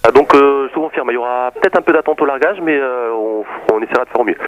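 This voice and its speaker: Fast-talking male air traffic controller on radio. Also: mid-range voice, dull audio. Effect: radio transmission.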